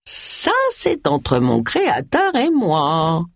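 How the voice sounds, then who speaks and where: A man's voice: fairly high pitch, wildly swooping pitch, takes it slowly, dry recording, studio quality, full character voice. A woman reading aloud voices a stern, indignant male village pastor who talks in haughty exclamations.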